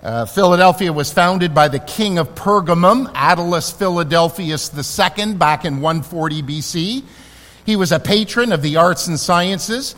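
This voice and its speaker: A man preaching a sermon in a church, earnest and emphatic, slowing down to stress key words. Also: high-pitched, fairly bright tone. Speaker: pastor. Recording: long hall reverb.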